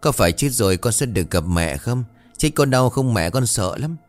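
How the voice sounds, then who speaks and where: A man reading a ghost story, voicing a small frightened girl who murmurs softly. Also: medium pitch, animated, normal speed, faint music behind, voice pushed up, natural voice. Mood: eerie, fearful. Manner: soft, fearful murmuring.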